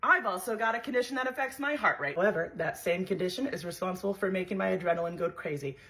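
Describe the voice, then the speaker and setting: A young woman animatedly telling a dramatic, self-mocking story to her phone camera at home, full of quick asides. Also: fairly low pitch, fairly bright tone. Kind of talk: casual storytelling vlog to camera. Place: home, indoors.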